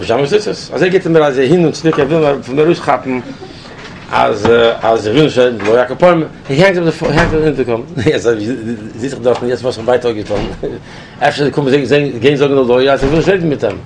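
Gravelly-voiced man telling a story. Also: mid-range voice, quick pace, a little hiss or hum. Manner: animated, restarts and repeats, switches between languages. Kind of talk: personal anecdote, casual.

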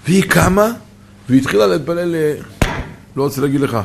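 A man's voice: on the high side, creaky, slight background noise. A man telling a personal story in an earnest, emotive way.

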